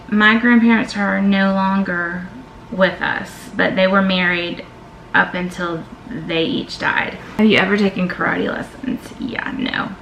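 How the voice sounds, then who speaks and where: In her vlog, a middle-aged woman with a Southern American accent casually and emphatically answers tag questions, sprinkling in plenty of "y'all." She has a mid-range, slightly bright voice, and the echoey room carries faint ambient noise.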